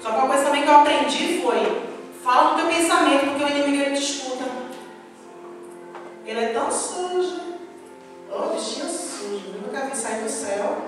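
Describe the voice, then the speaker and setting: A woman preaches in a high, bright voice. She delivers an animated sermon and plays out her own quoted lines. She is heard from far off in a booming church hall, with music behind her. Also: brisk.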